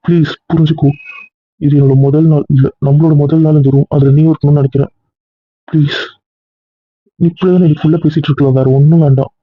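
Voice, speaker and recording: A man's voice: a little high, steady tone, fast talker, long pauses, close to an everyday voice. A man playing a worried, possessive husband. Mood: pleading. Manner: pleading, then heated and insistent. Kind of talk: amateur serial drama acting. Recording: dry, tinny phone-like recording.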